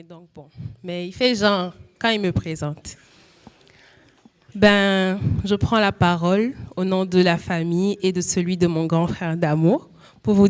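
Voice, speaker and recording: A woman's voice: fairly low pitch, a little mellow, natural voice. A woman playing a playful, affectionate younger sister giving an informal family speech in a drama.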